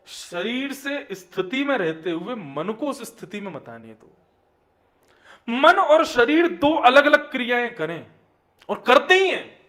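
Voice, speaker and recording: High-voiced man preaching a sermon. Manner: sermon delivery with rising emphatic lines and soft dropped endings; chants verses slowly in song.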